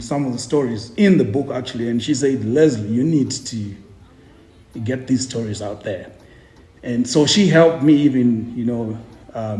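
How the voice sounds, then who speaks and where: A man in his forties from Zimbabwe, talking as a tour guide and author in a casual interview. He is chatty and jokey, with a mid-range voice, and he repeats words as he searches for them. The sound is roomy, with a clear echo around him. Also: mid-range voice, dark tone. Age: 40s.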